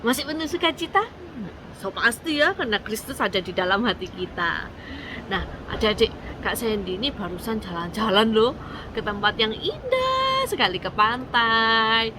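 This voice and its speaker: A young woman telling a Bible story to children in a lively, coaxing way, as a children's church storyteller. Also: mid-range voice, noisy background.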